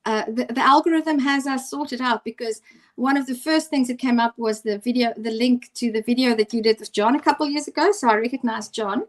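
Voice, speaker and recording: A South African teacher with an Afrikaans accent co-hosts a casual video call chat, hesitating often and restarting sentences amid many fillers. Her voice is a little high and her pace brisk.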